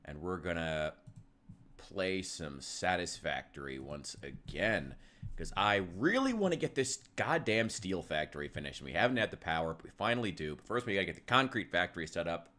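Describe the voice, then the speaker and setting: A man hosting a casual gaming live stream in a warm, welcoming, informal way. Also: low-pitched, sing-song, moderate pace.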